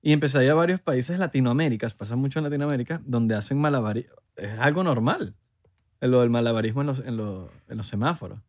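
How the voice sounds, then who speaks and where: A man from Venezuela with a Venezuelan Spanish accent, co-hosting a podcast in animated, joking, slangy casual chat. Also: mid-range voice, fast talker, no echo, clean studio sound. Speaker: podcast co-host.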